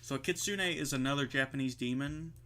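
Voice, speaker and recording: A man's voice: mid-range voice, a little fast, pushed and bright. A man co-hosting a podcast in casual chat, rambling with lots of fillers and swearing freely. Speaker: podcast co-host.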